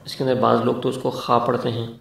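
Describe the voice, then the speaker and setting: A man teaching Quran pronunciation, explaining each letter and drawing out the sounds slowly and carefully. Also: medium pitch, monotone, creaky. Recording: echoey room, distant from mic.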